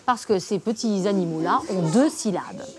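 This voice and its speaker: A woman's voice: medium pitch, animated, moderate pace. A woman teaching a reading lesson to young children in a classroom, patient and encouraging, asking many questions. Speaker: primary school teacher. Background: children's chatter.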